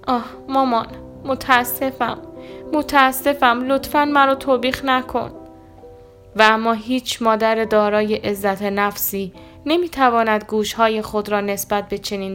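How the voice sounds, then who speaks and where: A woman giving a calm, measured scripted devotional reading in a gentle storytelling manner. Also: mid-range voice. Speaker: devotional reader. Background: soft guitar music.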